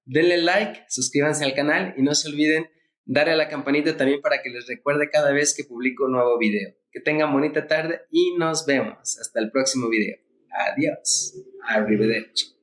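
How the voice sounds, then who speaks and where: A man's voice: fairly high pitch, moderate pace, fairly bright tone. A man teaching English grammar in Spanish, spelling words letter by letter and repeating the key points. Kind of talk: explaining grammar rules.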